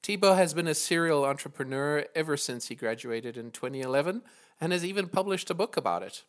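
A man's voice: fairly high pitch, expressive, a little fast. A man hosting a podcast, interviewing a guest in a friendly, upbeat way. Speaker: podcast host.

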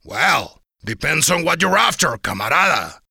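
A man's voice: a little high, very animated, normal speed, gravelly, pushed and bright, breathy edge, no room sound, clean studio sound, exaggerated voice. A man voicing a smug, talkative male cat who lectures like a revolutionary and laughs at his own jokes. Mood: lecturing.

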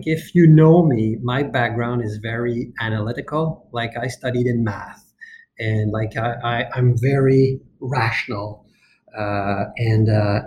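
A man's voice: mid-range voice, darkish tone, a little hiss or hum. A man in his fifties, a company executive being interviewed on a podcast, speaking earnestly and passionately, often restarting his sentences.

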